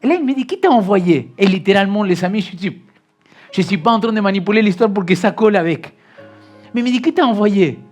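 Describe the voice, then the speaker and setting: Argentine-accented preacher swinging loud to hushed. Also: male voice, high-pitched, fast talker, soft background music. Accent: Argentine Spanish. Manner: dramatic, swings from loud emphasis to hushed confession. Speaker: pastor. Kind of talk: emotional storytelling sermon.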